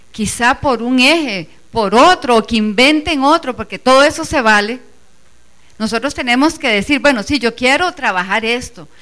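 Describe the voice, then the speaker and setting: At a teachers' assembly, an organizing committee member delivers an emphatic, earnest speech and speaks to the audience as one of them. She has a somewhat bright voice that runs on the high side.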